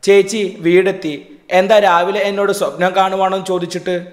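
A man's voice: high-pitched, level tone, normal speed, lightly acted. A man voicing a cheerful, easygoing young male auto-rickshaw driver in a read-aloud story, in an echoey room. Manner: plain, affectionate storyteller reading.

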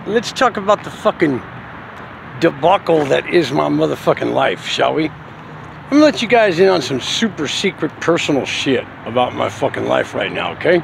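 A man's voice: fairly high pitch, big pitch swings, normal speed, gravelly, a little hiss or hum. A middle-aged man venting in a rambling, profane monologue to camera, swearing constantly and laughing now and then. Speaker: vlogger.

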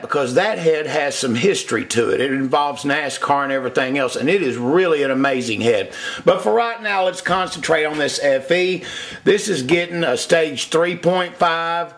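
Plain-spoken man, a bit high-voiced, talking shop in his workshop with easy enthusiasm. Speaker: cylinder head porter. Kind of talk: workshop demonstration.

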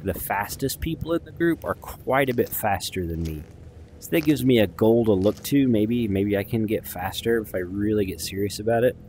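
Low-voiced man chatting over a game. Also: darkish tone, slight background noise. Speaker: gaming video host. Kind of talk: casual rambling gameplay commentary.

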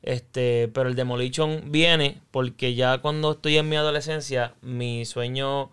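A man's voice: medium pitch, fairly even intonation, a little slow, fairly bright tone, clean tone. A young man from Puerto Rico with a Puerto Rican accent, chatting as a guest and telling his story, dropping English words into his Spanish. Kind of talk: casual interview storytelling.

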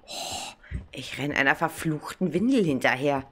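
A woman's voice: low voice, big pitch swings, normal speed, background noise. A woman with a German accent giving casual commentary on a horror game, chatting and scolding the baby in it. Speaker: let's play gamer.

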